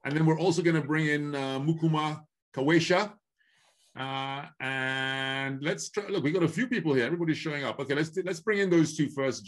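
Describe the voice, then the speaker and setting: Hosting a video call interview from home, a man from Ghana in his fifties speaks in a friendly, chatty, upbeat manner and frequently repeats phrases. His voice is medium-pitched with a fairly bright tone. The room has wooden beams, and a webcam captures the audio.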